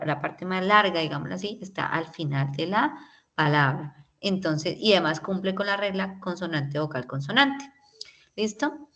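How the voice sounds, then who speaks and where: A woman with a fairly low, fairly bright voice teaches English grammar in an online class. She explains patiently and often checks in with students, using many tag questions.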